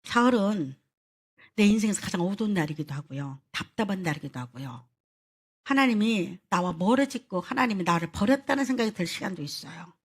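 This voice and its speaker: Woman pastor, sermon, animated storytelling, lively pitch, slightly husky. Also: fairly quick. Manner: animated storytelling, addressing the congregation.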